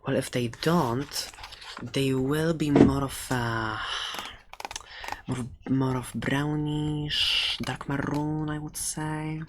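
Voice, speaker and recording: A mid-range voice carries this ASMR roleplay of a furry animal shopkeeper: soft, hesitant, frequently sinking to a whisper, doting yet faintly menacing. Intonation stays fairly even and the acting is light, though the recording is very noisy. The tone comes across as fond, with some showing off.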